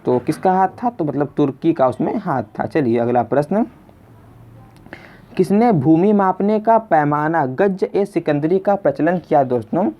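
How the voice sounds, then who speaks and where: On a dull lo-fi voice recording, a man hosts an exam lesson as a quiz teacher and video host, speaking in a high, animated voice at a measured pace. He poses questions and answers them, repeats the questions, and calls his audience friends.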